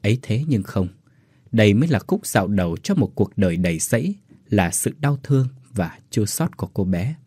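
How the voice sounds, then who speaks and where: A man narrating a sad story in a melodramatic style, slowing down for sung-out verse lines. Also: on the low side, sing-song, mellow, husky, dry recording, clean studio sound.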